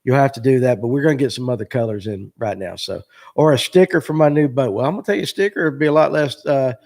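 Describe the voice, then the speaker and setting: A man's voice: medium pitch, quick pace, a little mellow. A man, hosting a casual live fishing chat in a rambling, joking way with lots of fillers. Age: 40s. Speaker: show host.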